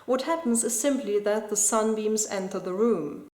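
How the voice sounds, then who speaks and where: A woman calmly walking through a close reading of a poem, in a measured, explanatory way. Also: mid-range voice. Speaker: video blogger explaining a poem. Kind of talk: scripted literary analysis. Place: school building indoors. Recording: echoey room.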